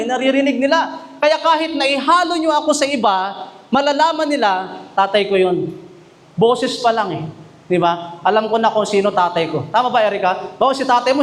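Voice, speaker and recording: Pastor guy preaching, really high pitched voice, keeps checking in w the crowd. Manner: mixes English and Tagalog, often asks the congregation questions, reads verses slowly. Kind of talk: sermon. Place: church chapel.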